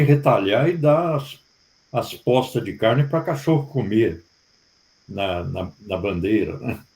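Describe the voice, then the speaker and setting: Brazilian male professor, mid-pitched, warm, lecturing to a study group, explanatory. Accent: Brazilian Portuguese. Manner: explanatory, lecturing with tag questions. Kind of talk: academic discussion.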